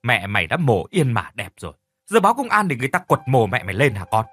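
Gruff grieving father, played by a man. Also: medium pitch, big pitch swings, fast talker, fairly bright tone, soft background music. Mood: scolding. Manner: scolding, gruff. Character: middle-aged father, gruff but grieving.

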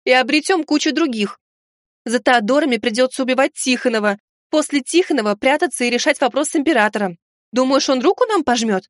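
A man's voice: very high voice, brisk, fairly bright tone, dry recording, voice pushed up. A stern, sensible mother who lays out her case firmly, as a male narrator raises his voice well above his own. She is heard in a dry, close-miked audiobook reading. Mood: firm reasoning. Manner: firm, reasoning, lecturing. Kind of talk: audiobook character voice.

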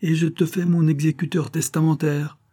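A man voicing a calm, resolute young nobleman who speaks with steady, lightly ironic firmness. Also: fairly high pitch, moderate pace, pitched above the performer's own voice, natural voice. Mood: grave.

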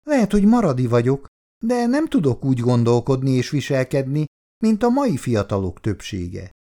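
A man's voice: mid-range voice, huge pitch swings, mellow. A man reading aloud and voicing an earnest, sensitive young woman. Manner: earnest, hurt.

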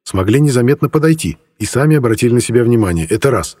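A man narrating an adventure story in an even storytelling manner. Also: mid-range voice, fast talker, breathy edge. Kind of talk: audiobook narration. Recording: long reverb.

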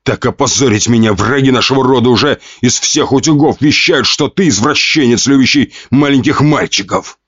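A man's voice: medium pitch, moderate pace, hardly any pauses, a bit bright, breathy edge, no room sound, highs cut off, pitched above the performer's own voice. A man voicing a powerful duke who harshly scolds his son with scorn and mockery. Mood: scornful.

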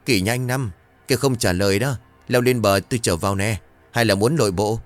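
A man voicing a terrified young fisherman who whimpers and talks in a high, frantic rush. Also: a little fast, no room sound, soft background music, natural voice. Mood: puzzled.

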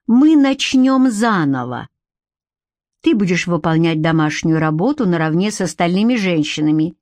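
This woman voices a cold, cynical Viking warrior who barks curt orders at his captive, coolly commanding throughout. Her natural voice is lowish and darkish, delivered a little fast. The studio-quality recording has no room sound.

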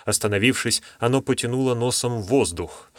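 A man's voice: mid-range voice, fairly bright tone, dry recording. Male audiobook narrator, dry close sound. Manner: measured storytelling.

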